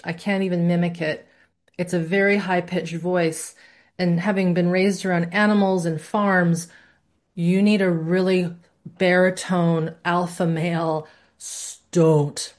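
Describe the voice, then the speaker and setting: Lower-voiced woman teaching a live class. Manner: conversational, asks the class questions, demonstrates voices. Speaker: course instructor.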